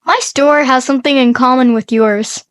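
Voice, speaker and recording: A young woman reacts on a casual podcast, eager to hear the story but quick to scoff at it. Her voice is high and bright. The recording is dry and close. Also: steady tone, no echo. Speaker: podcast co-host.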